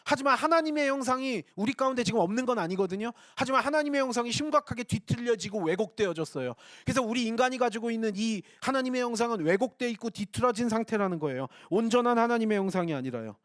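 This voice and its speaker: A man's voice: extremely high pitch, lively intonation, quick pace, a bit bright, no echo, clean studio sound. A man preaching a sermon in church, earnest and conversational, often turning to speak directly to the congregation. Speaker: pastor.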